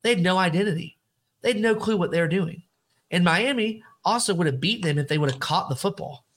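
Animated man talking football. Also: high-pitched, fairly quick. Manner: animated, emphatic, repeats himself. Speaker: podcast co-host. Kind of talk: casual sports chat.

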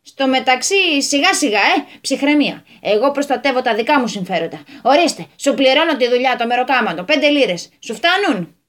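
A woman doing a fussy, flustered landowner. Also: sits high. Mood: fretful bossy. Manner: flustered, excitable, bossy. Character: fussy, hot-tempered male landowner, middle-aged. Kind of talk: radio storytelling.

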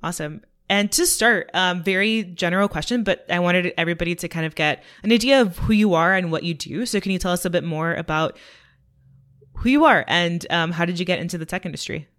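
Upbeat podcast host with a smooth voice. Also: male voice, high-pitched, fairly quick, a bit bright. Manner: friendly, upbeat introductions. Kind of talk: casual interview hosting.

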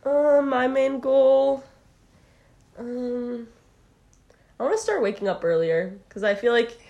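A woman's voice: a little high, takes it slowly, vocal fry, mellow, dull audio. A teenage girl chatting casually as co-host, filling her talk with "like" and frequent laughs. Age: teens. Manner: chatty, lots of "like", laughs often. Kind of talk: casual chat.

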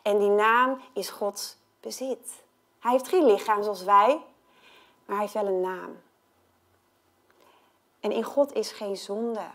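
A woman giving a sermon, speaking earnestly and with emphasis, sometimes dropping to a hushed tone on key points. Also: mid-range voice, slow, long pauses. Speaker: preacher.

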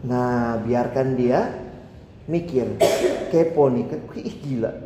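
A man's voice: medium pitch, slow pace, highs cut off, background noise. A male preacher giving a conversational sermon, asking the audience rhetorical questions and slipping into casual slang. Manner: slips into casual slang and plays out mock dialogues. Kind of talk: sermon teaching on evangelism. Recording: roomy hall reverb with faint ambience.

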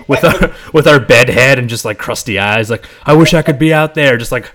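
A man's voice: mid-range voice, normal speed, crowd noise. A man hosting a casual podcast interview over a video call, joking and laughing often. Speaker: podcast host.

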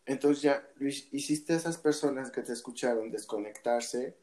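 A man's voice: medium pitch, normal speed, darkish tone. A man co-hosting a podcast, chatting casually and often checking for agreement. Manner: conversational, keeps asking for agreement. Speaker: podcast co-host. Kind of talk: casual chat.

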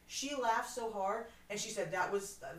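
A woman's voice: mid-range voice, normal speed. A woman who works with youth, telling stories in casual chat and acting out what she said. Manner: animated storyteller, acts out her own quotes. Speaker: youth worker. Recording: roomy, distant mic with faint ambience.

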